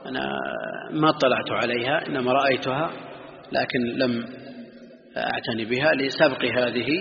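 A man teaching as an Islamic scholar in a classroom lecture on hadith books, with a measured scholarly delivery and long pauses between phrases. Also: medium pitch, gravelly. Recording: muffled lo-fi recording with long hall reverb.

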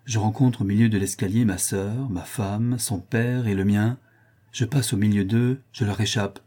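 Brief: male audiobook reader, low husky voice, steady expressive first-person narration. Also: normal speed.

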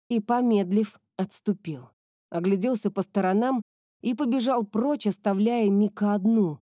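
A woman reads an audiobook in a steady, even storytelling manner. Her voice is mellow and darkish at an ordinary middle pitch. The recording is close and dry, with no room sound. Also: no room sound. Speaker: narrator. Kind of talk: audiobook narration of a fantasy novel.

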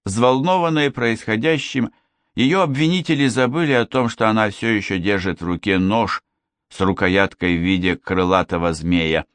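A man reading a novel aloud as audiobook narration, in a measured, expressive storytelling manner. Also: fairly low pitch, clean tone, no room sound. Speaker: audiobook reader. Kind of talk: scripted narration.

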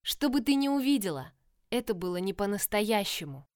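A woman voicing an impulsive, headstrong young woman in love, speaking insistently in a raised, higher voice in an audiobook. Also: very animated, moderate pace, a little mellow, clear, resonant tone, no echo, clean studio sound, lightly acted.

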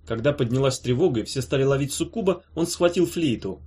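A man reading an audiobook in a calm, even narration. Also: medium pitch, breathy edge. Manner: calm, even reading; measured commands as the guardian. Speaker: audiobook reader. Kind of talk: scripted narration.

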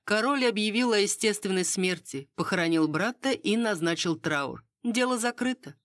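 A woman reading the part of a knowing court lady who passes on rumors in a hushed, conspiratorial, bitter way. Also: medium pitch, lively intonation, normal speed, no room sound, clean studio sound, pitched above the performer's own voice, close to an everyday voice.

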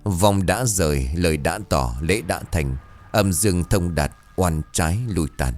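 Stern old ritual master, solemn chanting tone, very deep voice, male narrator reading. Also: a little slow, a little mellow, faint music behind. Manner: solemn, incantatory.

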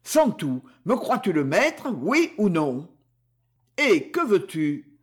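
A reader playing a gruff, bullying old miller. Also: mid-range voice, very animated, slow. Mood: scornful. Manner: scornful and threatening.

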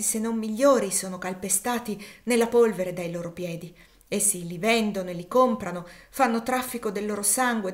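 A woman's voice: medium pitch, close to an everyday voice. A woman reading the part of an impassioned young male fugitive, grieving and defiant, with rising, emphatic outbursts in an audiobook.

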